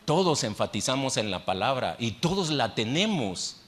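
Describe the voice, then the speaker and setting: A man's voice: mid-range voice, sing-song, normal speed, fairly bright tone. A man preaching a sermon. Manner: conversational preaching, asks the congregation questions; repeats phrases for emphasis. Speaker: pastor. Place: church. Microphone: handheld microphone.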